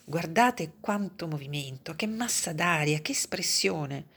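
An earnest young man pleads fervently about a work of art, as a woman reading the story gives him voice. The voice sits low, with a gravelly, husky grain. It is a storybook reading. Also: animated, measured pace, fairly bright tone, heavily acted.

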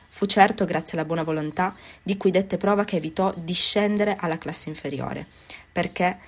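A woman narrating a novel as an audiobook, in a measured and expressive reading. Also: fairly low pitch.

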